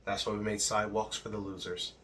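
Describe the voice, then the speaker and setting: A man co-hosting a casual podcast, cracking crude jokes and laughing loudly. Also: fairly low pitch, level tone, fast. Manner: crude joker, loud laughs. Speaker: podcast co-host. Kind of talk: casual podcast reaction chat.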